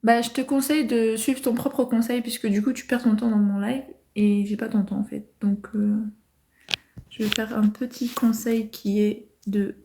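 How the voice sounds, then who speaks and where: A woman hosting a casual livestream, answering viewers' comments calmly and hesitating with many fillers. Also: fairly high pitch, moderate pace, few pauses, a little hiss or hum. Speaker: livestream host.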